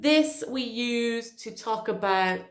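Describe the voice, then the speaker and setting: A woman teaching grammar in an online lesson, explaining clearly with a dry sense of humor. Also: on the high side, lively intonation, takes it slowly. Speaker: English teacher. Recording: echoey room.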